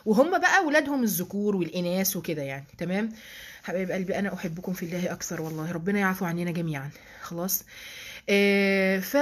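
A woman with an Egyptian accent giving a religious lesson, asking rhetorical questions, checking in with listeners and adding emphatic, affectionate asides. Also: a little high. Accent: Egyptian Arabic. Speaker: religious teacher.

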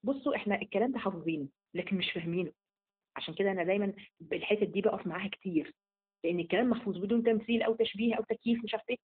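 A woman's voice: medium pitch, rapid-fire, breathy edge. A woman with an Egyptian accent giving a casual religious lesson, firing rhetorical questions and checking in with her listeners. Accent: Egyptian Arabic. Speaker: religious teacher. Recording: tinny phone-like audio.

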